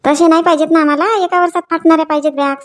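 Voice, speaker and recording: A woman's voice: very high-pitched, steady tone, very fast. A woman playing a mother in a comedy sketch, haggling over prices with a sarcastic, scolding edge. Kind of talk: comic sketch acting.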